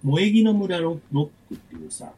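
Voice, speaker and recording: A man's voice: fairly high pitch, moderate pace, warm tone, husky. A man in his forties telling a long personal story in casual chat, with many fillers and restarts.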